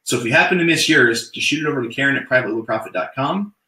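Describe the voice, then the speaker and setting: A man's voice: medium pitch, expressive, rapid-fire, bright, forceful tone, roomy sound, rough recording. A young man co-hosting a sales webinar in casual, chatty talk, upbeat and loose with fillers. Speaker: webinar co-host.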